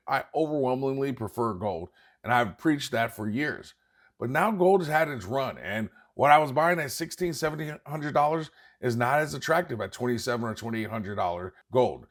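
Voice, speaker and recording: A man hosting an investing channel, talking straight to his viewers in an emphatic, urging way and repeating points for stress. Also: mid-range voice. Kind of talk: scripted direct-to-camera commentary.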